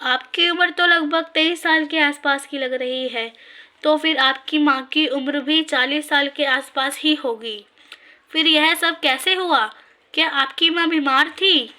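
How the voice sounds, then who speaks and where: Lady reading as a nosy worried woman on a bus, slow questions. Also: sits high, pushed and bright. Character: curious, concerned woman bus passenger.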